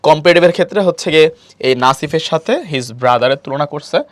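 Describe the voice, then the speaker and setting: A male teacher delivers an admission-prep lecture in a fast voice that sits on the high side, recorded with no room sound. He explains step by step, asks questions only to answer them himself, and relies heavily on repeated stock filler phrases.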